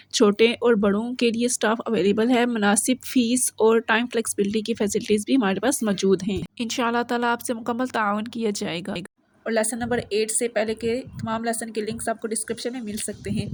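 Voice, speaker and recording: Lady quran teacher, kinda high voice, quick talk then slow syllable drills, faint hiss behind. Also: low-quality recording. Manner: slow, drilled letter-by-letter recitation; brisk, fluent explanations. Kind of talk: online tajweed lesson.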